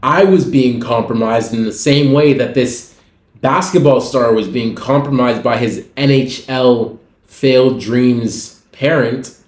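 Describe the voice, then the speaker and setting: A man's voice: medium pitch, slow pace, roomy sound. A man telling a personal story to camera in a rambling, faith-filled way. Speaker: vlogger. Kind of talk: casual storytelling monologue.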